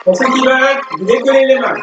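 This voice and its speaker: A high-voiced man works as a fitness coach leading a workout. He calls out commands and counts energetically, gym-coach style. The sound is echoey and a little dull, with music underneath. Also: fast talker, background noise. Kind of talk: workout instruction to camera. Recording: roomy echo, dull sound, music behind.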